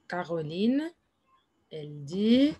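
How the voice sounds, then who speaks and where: A woman teaching slowly and patiently from her desk, repeating every phrase and slipping in English asides. Her voice is mellow and unhurried. Faint noise and keyboard clicks sit behind her. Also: fairly low pitch, very animated, dull audio. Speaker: French teacher. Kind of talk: slow classroom explanation with English asides.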